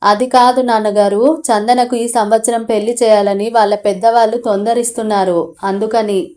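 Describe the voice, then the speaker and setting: Storybook: woman voicing a sulky, insistent young man, read a little high. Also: steady tone, moderate pace, dark tone, natural voice. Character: stubborn young man in love, hot-headed son.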